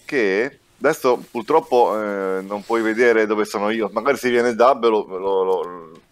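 A man chatting casually as a co-player during gameplay, halting and often repeating his words. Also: fairly low pitch. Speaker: co-player on a gaming stream. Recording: vehicle noise behind voice.

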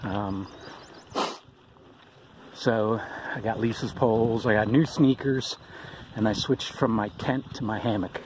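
A man's voice: lowish voice, fairly even intonation, takes it slowly, long pauses. A middle-aged man vlogging while hiking a long trail, talking in a rambling, casual way with plenty of ums and uhs. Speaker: thru-hiker vlogger. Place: outdoors on a forest trail. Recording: outdoor noise behind the voice.

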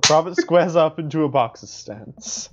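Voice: medium pitch, lively intonation, moderate pace, a crowd in the background. Casual game narrator, dull lo-fi sound. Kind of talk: reading visual novel narration aloud, casual. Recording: dull lo-fi audio with music behind.

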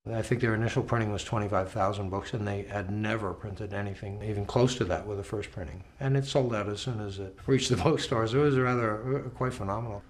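Older-style recollection, man talking calmly, noticeable ambient noise. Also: on the low side, fairly quick, hardly any pauses. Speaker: documentary interviewee. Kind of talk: interview recollection.

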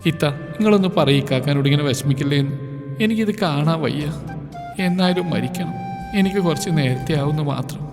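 Frail ailing mother, sorrowful and soft-spoken; male narrator voicing, audio story. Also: on the high side, fairly quick, natural voice. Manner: quiet and weak. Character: sick middle-aged mother, frail and sorrowful. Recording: reverberant with music underneath.

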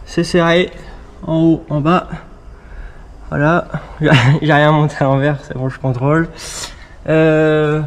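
A man casually explaining a car repair to his viewers, chatty and full of fillers, talking outdoors while it rains. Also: a little high. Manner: chatty, filler-heavy, addresses viewers directly. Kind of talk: casual how-to vlog talk.

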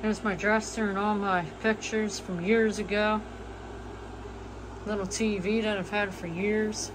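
A woman in her late twenties from the eastern United States, a vlogger, gives a casual tour of her small manufactured home, plainly listing things as she walks. Her mid-range voice is flat and a little slow, with a noisy background. It's recorded indoors on a phone camera, front-facing at first and then walking.

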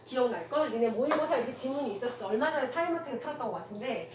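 A woman teaching a classroom grammar lecture, firing quick rhetorical questions at her students and mixing casual with polite speech. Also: on the high side, expressive. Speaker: Korean language teacher. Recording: echoey room from far off, noisy.

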